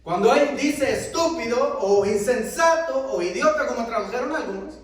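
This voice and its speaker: High-voiced preaching man in echoey church. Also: moderate pace, crowd noise. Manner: emphatic preaching, rhetorical questions. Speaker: pastor. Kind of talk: sermon. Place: church sanctuary. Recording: very echoey church hall, voice from far off.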